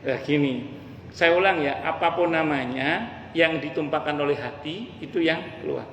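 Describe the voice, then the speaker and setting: Man, chatty preacher, slightly high voice, long hall reverb. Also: normal speed, a bit bright, a little hiss or hum. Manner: conversational, humorous, addresses the ladies directly. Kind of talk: mosque study lecture. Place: mosque hall. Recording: echoey hall with faint ambience.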